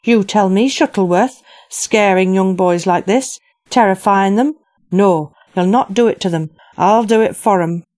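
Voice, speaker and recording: A woman's voice: medium pitch, lively intonation, moderate pace, mellow, husky, no room sound, voice pushed up. A woman voicing a brave, determined working-class young girl who speaks bluntly and urgently. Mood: furious. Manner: fierce, urgent, plain-spoken.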